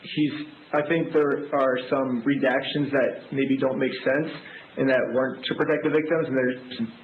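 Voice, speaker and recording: Hesitant man in low sample rate audio. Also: level tone, moderate pace. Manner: hesitant, with fillers. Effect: low sample rate, compressed and distorted audio. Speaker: defendant. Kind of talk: answering a judge at a court hearing. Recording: tinny low-bandwidth call recording, roomy, faint hiss.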